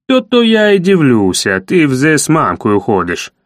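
A man voicing a hoarse, mocking young village bully with Ukrainian-mixed speech. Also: fairly high pitch, wildly swooping pitch, normal speed, dry recording, studio quality. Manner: mocking, taunting village dialect.

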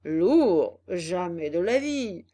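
A woman voicing a big, strong, kindly tuna fish who speaks in a slow, easygoing way. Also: fairly low pitch, sing-song, warm tone, full character voice. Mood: reassuring.

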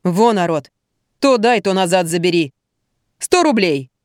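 A woman reading an audiobook, voicing a blunt, unbending middle-aged female buffet cook with a curt, gruff manner. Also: on the low side, lively intonation, unhurried, dry recording, studio quality.

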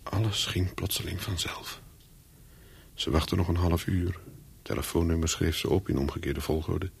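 In a full character voice that is husky and low, a man portrays a calculating, persuasive young spy who narrates in retrospect, moving between radio play dialogue and first-person narration. He keeps a moderate pace, and the feel is reflective.

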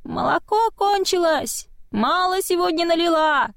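Audiobook: small mocking childlike spirit, very high, slow and drawn out. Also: female voice, animated, gravelly, fairly bright tone, no room sound, studio quality, full character voice. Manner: mocking, giggling. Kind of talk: audiobook reading.

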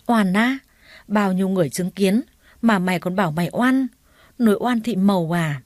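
A woman's voice: mid-range voice, normal speed, no echo, studio quality, close to an everyday voice. A woman voicing an angry woman teacher who harshly accuses a colleague. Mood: furious accusing. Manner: angry, scolding, loud.

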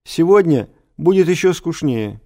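A man's voice: fairly high pitch, lively intonation, measured pace, warm tone, pitched above the performer's own voice. A man voicing a good-natured old male history teacher who mumbles, lisps and fills his speech with "uh, er". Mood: teasing. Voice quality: mumbling, lisping, full of "uh, er" fillers. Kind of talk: audiobook character voice.

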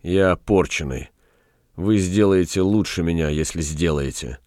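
A self-doubting prisoner, voiced by a man reading the story, quiet and sad in a low voice. The recording is dry. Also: unhurried, no echo.

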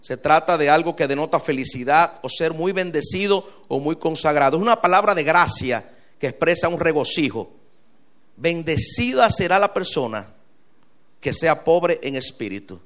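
A male pastor, preaching a sermon with lively, rising delivery and quick asides. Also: a little high.

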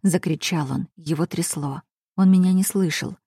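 A woman narrating a first-person fantasy audiobook in a tense, dramatic way. Her voice is dark and mellow, sitting somewhat low, and sounds dry and close. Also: moderate pace, husky, no echo. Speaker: audiobook reader.

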